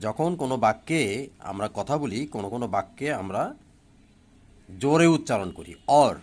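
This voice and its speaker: A man teaching an English lesson, reading English phrases slowly and then explaining them in Bengali. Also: medium pitch, animated, darkish tone.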